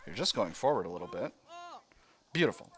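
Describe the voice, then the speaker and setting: A man's voice: low-pitched, sing-song, fairly quick, a bit bright, a little hiss or hum. A man hosting a video game let's play, thinking aloud as he talks through each decision step by step with mild exclamations.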